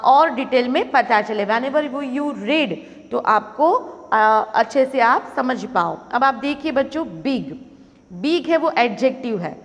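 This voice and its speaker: A young woman teaching a grammar lesson to primary school children, explaining patiently step by step. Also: sits high. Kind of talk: recorded video lesson in Hindi-English mix. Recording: long reverberant room sound.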